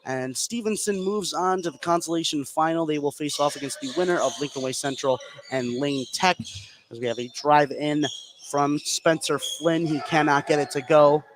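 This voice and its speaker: An American play-by-play commentator calls a basketball game live on radio, tracking the action in short, excitable phrases at a normal speed. His voice sits a little high. The live broadcast is noisy, with clear gym sounds in the background.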